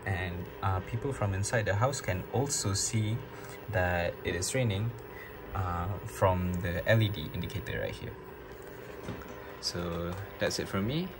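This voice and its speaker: A man's voice: sits low, measured pace, background noise. A young man from Malaysia presenting a student class project, hesitant and apologetic with many fillers. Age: young adult. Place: home desk, indoors.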